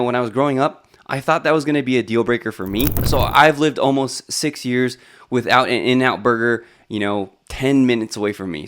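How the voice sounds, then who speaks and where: A man in his thirties from Los Angeles, California, hosts a YouTube vlog where he chats casually about his own life. His voice is mid-range and smooth, though his talk is peppered with fillers and restarts.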